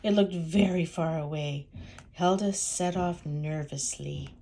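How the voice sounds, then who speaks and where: An older woman, a sweet and gentle grandmother, reading a storybook aloud with chatty asides to small children. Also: low voice, slow, gravelly, a little hiss or hum.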